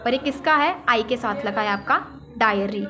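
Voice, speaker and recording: A woman teaching a shorthand lesson, explaining signs on a board and slowly repeating each example word. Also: on the high side, music in the background. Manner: repeats example words slowly, drawing out syllables.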